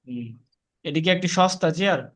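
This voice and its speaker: A man's voice: fairly high pitch, fairly bright tone. A man teaching an online spoken English class, patiently saying each word and its meaning for his students. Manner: patient, repeats words slowly for students.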